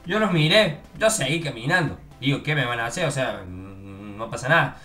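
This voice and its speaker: A young man from Córdoba, Argentina, with a Córdoba accent, telling funny personal stories in a casual, animated way and acting out the voices of people he quotes. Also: medium pitch, normal speed. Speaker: YouTuber. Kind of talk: casual storytelling.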